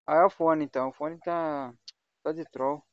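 A man's voice: a little high, fairly even intonation, moderate pace, no room sound. A young man from Brazil chatting casually on a gaming livestream, slangy and talkative while he plays. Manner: slangy, chatty, talks to voice chat while playing. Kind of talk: casual live gaming chat. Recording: dull, lo-fi home stream mic.

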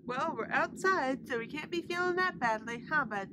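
A woman's voice: high-pitched, lively intonation, moderate pace, background noise. A woman in her thirties giving a casual, rambling vlog update into a phone held at arm's length. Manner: chatty, rambling, self-correcting. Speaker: vlogger. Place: home kitchen, then parked car.

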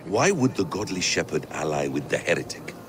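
Deep, solemn, watchful warrior. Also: male voice, sing-song, noisy background. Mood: grave, guarded. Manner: measured, grave, formal phrasing. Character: watchful, solemn hooded warrior man, cautious mentor. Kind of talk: video game dramatic acting.

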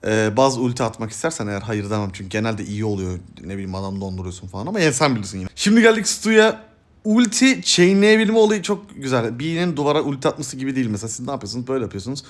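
A young man commenting excitedly on his gameplay, hoarse from shouting, jumping between loud high yelps and low mumbled asides. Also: fast. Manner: bursts into loud high yelps and laughter, then drops to mumbling. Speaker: gaming streamer.

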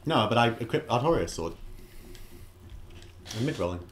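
Lively-voiced man playing a game. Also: mid-range voice, normal speed, a little hiss or hum. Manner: chatty, laughs often. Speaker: player in a gaming let's play. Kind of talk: casual banter while playing.

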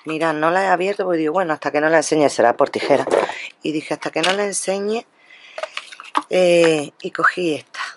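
A woman from Spain, a craft vlogger, casually narrates her shopping haul from a table, speaking to viewers directly and frequently breaking off to restart. Her voice sits low and moves at a moderate pace, with a little hiss or hum in the recording.

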